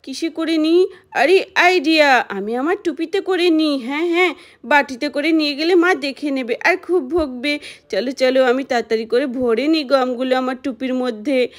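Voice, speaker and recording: A woman voicing a cheeky, mischievous little boy in a doll cartoon, talking in excited exclamations. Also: sits high, normal speed, lightly acted. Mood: scheming.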